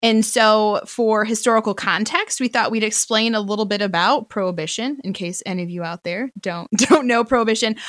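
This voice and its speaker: Female co-host, young, slightly hoarse voice, conversational, dry recording. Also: a little high, fairly bright tone, dry recording. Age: young adult. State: slightly hoarse, sore-throated voice. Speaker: podcast co-host. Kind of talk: casual chat.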